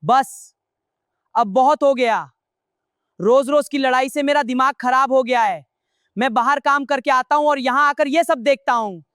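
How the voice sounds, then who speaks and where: This is a harried young husband, voiced by a woman in a cartoon family squabble. He complains and pleads in exasperation, in a voice that sits well above a man's usual pitch. It is recorded close and dry. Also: unhurried, a bit bright, no echo. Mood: fed up. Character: harried young husband stuck between wife and mother. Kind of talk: cartoon comedy voice acting.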